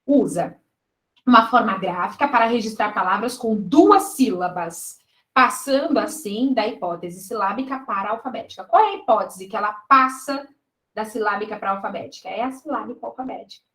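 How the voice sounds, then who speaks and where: Here the teacher speaks at a moderate pace in a mid-range, expressive, slightly bright voice, captured in an echoey room on a rough recording. She leads exam-prep in Brazilian Portuguese, explaining step by step and checking in with students often.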